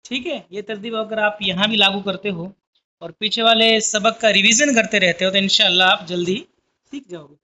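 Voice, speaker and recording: A woman teaching an online language lesson, explaining letters and words slowly and deliberately, pausing often to check that students follow. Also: mid-range voice, fairly even intonation, sharp tone. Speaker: Urdu teacher. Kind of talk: classroom lesson.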